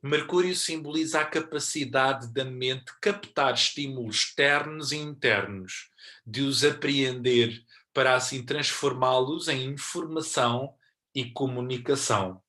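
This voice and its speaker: A man with a European Portuguese accent giving an astrology lesson, explaining patiently and growing more animated as he stresses his points. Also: mid-range voice, unhurried. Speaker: astrology teacher.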